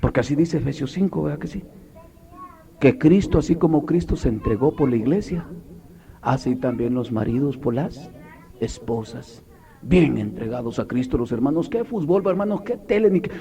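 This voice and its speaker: A man's voice: medium pitch, normal speed, creaky, mellow. A man preaching a fervent sermon who keeps putting rhetorical questions to the congregation.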